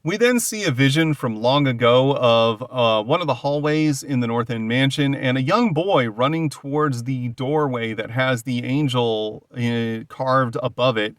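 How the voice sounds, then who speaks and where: A man's voice: medium pitch, unhurried, few pauses, no room sound, studio quality. A man hosting a podcast, casually retelling a comic book's story and loosely paraphrasing what the characters say. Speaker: podcast host. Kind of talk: casual comic book recap.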